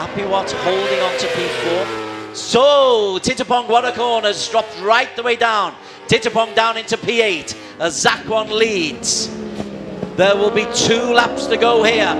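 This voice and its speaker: A man working as a motorsport commentator, calling a live motorcycle race with dramatic play-by-play. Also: sits high.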